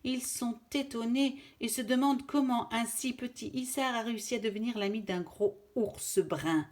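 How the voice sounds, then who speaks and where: A woman's voice: a little high, normal speed. Woman reading a children's picture book. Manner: gentle, addresses a child directly. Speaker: storyteller.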